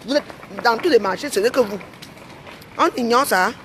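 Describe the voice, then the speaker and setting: A woman's voice: on the high side, normal speed, a little hiss or hum. Indignant Cameroonian woman ranting. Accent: Cameroonian French. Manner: indignant, repeats herself, ends phrases with "hein". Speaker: vlogger. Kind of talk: heated rant to camera.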